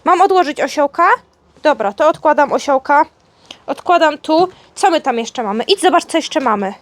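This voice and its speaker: High-voiced woman coaxing her dog. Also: expressive, moderate pace. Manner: playful, coaxing baby talk to a pet. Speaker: vlogger, dog owner. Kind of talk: casual chat to her dog. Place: indoors at home with her dog.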